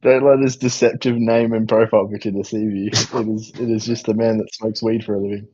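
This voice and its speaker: A man's voice: fairly low pitch, little pitch movement, brisk, warm tone, highs cut off, slight background noise. A man chatting casually as a player during a board game match, teasing and joking with the others. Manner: teasing, jokey banter. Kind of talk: casual gaming chat.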